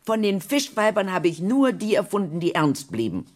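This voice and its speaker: A woman's voice: medium pitch, big pitch swings, moderate pace, a little mellow, natural voice. A woman playing Rosalie, a dreamy inventor of worlds. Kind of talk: surreal radio play acting.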